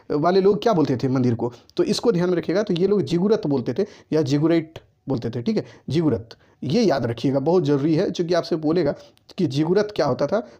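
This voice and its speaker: A man's voice: on the high side, warm tone, dull audio. A man teaching a history lesson for exams, speaking directly to students and checking in again and again with "okay". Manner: repetitive, keeps checking with "ठीक है"; addresses students directly, giving writing instructions. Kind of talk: exam-focused lecture to students.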